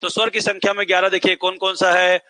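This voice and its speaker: A man's voice: high voice, flat delivery, quick pace, bright, forceful tone, no echo. A man teaching a class in a lecture style, repeating points and quizzing students who answer back. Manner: repetitive, quizzing, drills answers. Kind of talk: classroom lecture with call-and-response questions.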